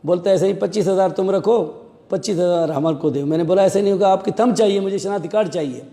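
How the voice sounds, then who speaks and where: A man with a raised pitch and a deeply mellow timbre recounts events as a police officer in an interview. He tells the story in an animated way, shifting his voice for each person he quotes. The recording has a long, roomy reverb. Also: fast. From Pakistan.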